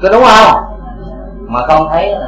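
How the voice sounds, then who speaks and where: A man's voice: high voice, sing-song, unhurried, echoey room, over music, low-quality recording. A man teaching Buddhist dharma to a congregation, asking rhetorical questions again and again.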